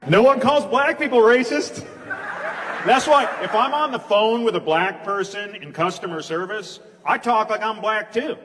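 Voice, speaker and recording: A man doing stand-up comedy on a club stage, teasing the crowd in a brash way and shouting his punchlines. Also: high voice, normal speed. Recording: echoey club with loud crowd.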